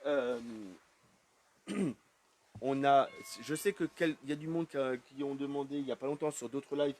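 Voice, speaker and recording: A man's voice: medium pitch, fairly even intonation, normal speed, a little mellow. A man giving a casual live walkthrough of an aquarium shop, chatting loosely with plenty of fillers as he walks around. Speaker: aquarium shop tour host.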